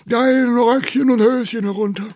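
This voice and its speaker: A man voicing a shrill, trembling old shipowner. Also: steady tone, moderate pace, darkish tone, no room sound, clean studio sound. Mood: hushed. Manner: shrill, trembling, bigoted outbursts. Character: elderly irritable male retired shipowner.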